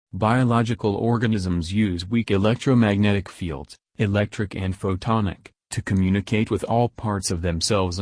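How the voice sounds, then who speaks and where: A man narrating a script in a disguised, pitch-lowered deep voice, reading steadily and in measured lists. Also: darkish tone, no room sound, studio quality.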